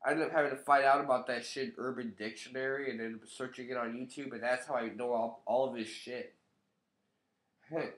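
Recorded in a reverberant living room, a young man with a cold-stuffed, nasal voice gives loose, profane, offhand commentary to his webcam as a vlogger. He speaks a little fast at a medium pitch, with fairly even intonation and a slightly bright tone.

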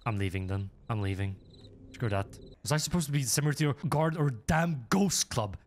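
A man giving jokey, animated commentary while playing through a horror game, reacting with nervous laughter. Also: medium pitch, a little fast, slight background noise. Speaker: gaming YouTuber.

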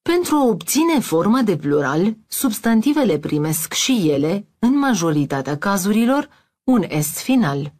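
Lively-pitched woman reading an audio lesson. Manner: slow, deliberate word-by-word reading with pauses; reads English words then Romanian translations. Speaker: language teacher.

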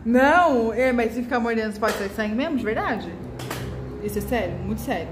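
A woman's voice: on the high side, lively intonation, fairly quick. A young woman hosting a casual home vlog, bubbly and sing-songy as she talks with small children. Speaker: vlogger host. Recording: echoey room with background noise.

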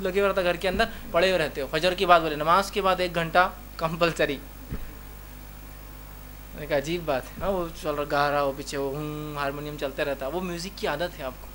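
A man's voice: sits high, pushed and bright, a little hiss or hum. A man from India speaking, giving a religious lecture full of rhetorical questions and repeated reminders to remember the point. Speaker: Islamic lecturer.

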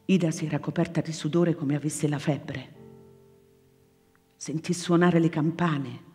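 A woman actress reading a novel aloud to an audience, measured and expressive, her voice falling soft at pauses. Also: low-pitched, soft background music. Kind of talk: literary reading before an audience. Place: small theatre foyer hall. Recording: live in a reverberant theatre room.

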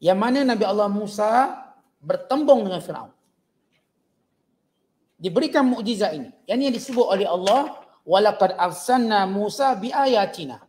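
A man with a Malaysian Malay accent giving a Quran commentary lecture, slowly chanting Arabic verses and then explaining them plainly to his audience. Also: high voice, animated. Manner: slow, drawn-out recitation of Arabic verses between plain explanation; addresses the audience directly as gentlemen. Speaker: religious teacher.

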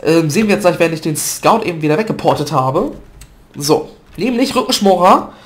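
A gaming video commentator with a cold talks a little fast in a fairly high, expressive voice, his nose audibly stuffed. His loose commentary over gameplay includes fillers and self-corrections, captured on a desk mic at home.

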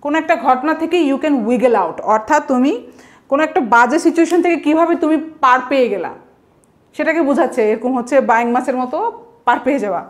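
A woman's voice: high-pitched, fast. A woman teaching English vocabulary, explaining each word patiently and slipping English example sentences into her talk. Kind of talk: explanatory lesson.

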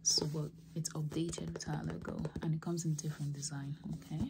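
A woman softly talking and whispering in a breathy voice as an ASMR host. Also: flat delivery, brisk, very noisy. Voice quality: breathy whisper mixed with soft low voice. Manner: soft, repetitive trigger words.

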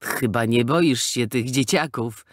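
A man's voice: medium pitch, lively intonation, moderate pace, no echo, clean studio sound, close to an everyday voice. A man voicing a skinny, careless, wisecracking male policeman in a storybook reading, mocking and laughing. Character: skinny jokey small-town male policeman.

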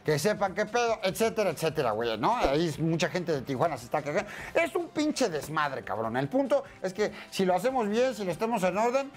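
Crude, joking Mexican man with a high voice. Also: very animated, fairly quick, hardly any pauses. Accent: Mexican Spanish. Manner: crude, profane, joking, puts on many voices. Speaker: masked comedy news host. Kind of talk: comedic news rant.

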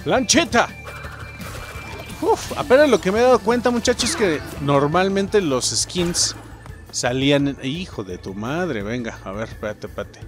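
Excitable Mexican gamer with lively pitch. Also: male voice, measured pace, soft background music. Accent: Mexican Spanish. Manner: excitable, swears and yelps at mistakes, talks to viewers. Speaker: gameplay streamer. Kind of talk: casual let's-play commentary.

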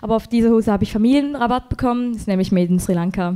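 A young woman performing a rambling, self-deprecating stand-up set on a comedy club stage. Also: dark tone. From Switzerland. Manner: rambling, self-deprecating, quick jumps in pitch when exasperated.

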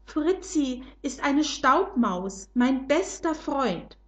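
A woman voicing a desperate little boy who pleads in high-pitched cries. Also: sing-song, drawn-out words, exaggerated voice. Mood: pleading.

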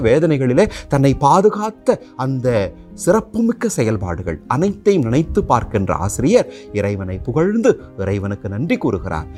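A man's voice: medium pitch, warm tone. A man giving a reflective sermon on a psalm, then leading a prayer in a rhythmic, repetitive cadence.

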